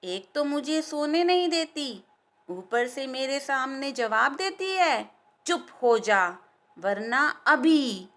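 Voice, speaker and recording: A grumpy, sleepy king of the jungle lion from a storybook, growling threats and then giving up wearily, as a woman storyteller puts him on. His lines are drawn out slowly and heavily. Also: high-pitched, sing-song, fairly bright tone, heavily acted. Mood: angry.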